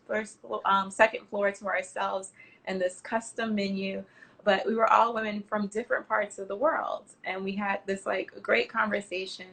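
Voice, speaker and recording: A woman's voice: mid-range voice, creaky. A woman in her thirties from Miami, Florida, a travel platform founder telling her story in a casual interview, chatty and full of fillers. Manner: chatty, animated retelling with acted-out quotes and many fillers.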